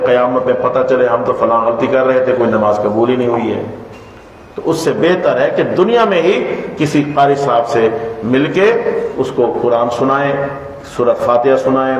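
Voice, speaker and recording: Earnest man teaching in an echoey hall. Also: medium pitch. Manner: asks the audience questions and repeats the answers; earnest, pleading. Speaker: Quran teacher. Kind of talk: religious lesson. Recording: echoey hall from far off, faint noise.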